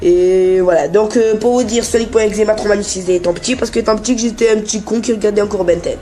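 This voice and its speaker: A man's voice: sits high, steady tone, quick pace, dark tone, faint music behind. A teenage boy chatting casually in a vlog, rambling and joking with lots of fillers and restarts. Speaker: YouTuber.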